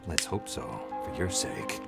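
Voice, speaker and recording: A man voicing a weathered older male hermit in a video game, gruff and wise, explaining plans in a measured way with a gravelly voice. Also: very deep voice, lively intonation, full character voice. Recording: game audio with music behind.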